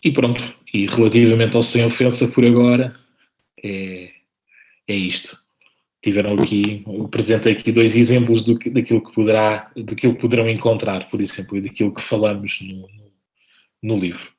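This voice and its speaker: Low-voiced guy finishing a book talk, flat, muffled call audio. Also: normal speed. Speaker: panel speaker, author. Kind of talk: online panel presentation.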